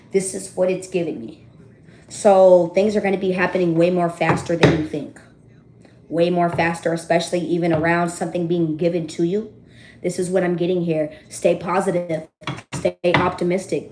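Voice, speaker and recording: A woman giving a casual tarot reading to her viewers, chatty and animated, laughing often and swearing freely. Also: fairly low pitch, normal speed, slight background noise. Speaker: tarot reader. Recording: roomy echo.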